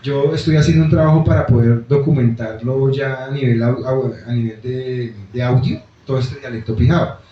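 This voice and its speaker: In a bookstore's event room, an author explains his book straight to the audience, his medium-pitched voice steady and moderately paced. Slight background noise sits under very echoey, dull lo-fi room sound.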